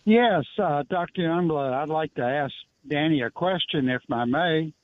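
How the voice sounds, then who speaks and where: A man's voice: a little high, unhurried, dry recording. Older man on a tinny phone line. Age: 70s. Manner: plain-spoken, rambling storyteller. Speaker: caller. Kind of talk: call-in radio question. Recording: dry, narrow-band phone call.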